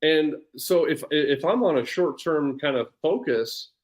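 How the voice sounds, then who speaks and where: This man's voice sits fairly high and keeps a measured pace. He's a personal development coach in his forties, talking with energy in a casual podcast interview, often restarting and repeating himself.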